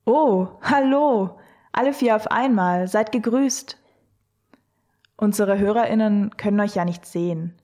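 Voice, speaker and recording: A woman guiding listeners on a scripted audio walk, speaking in a slow, dreamy, poetic way. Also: mid-range voice, warm tone. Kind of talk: scripted narration.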